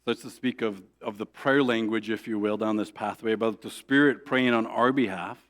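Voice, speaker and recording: A man's voice: lowish voice, fairly even intonation, a little fast. Conversational male pastor preaching. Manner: conversational, keeps asking "right?"; acts out quoted prayers in a soft, hushed voice. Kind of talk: sermon.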